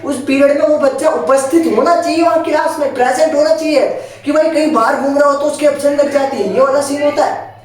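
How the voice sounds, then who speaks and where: A teenage boy telling a school story to camera in a casual vlog, animated and indignant. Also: very high-pitched. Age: late teens. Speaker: vlogger, school student. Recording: echoey room, far from the mic.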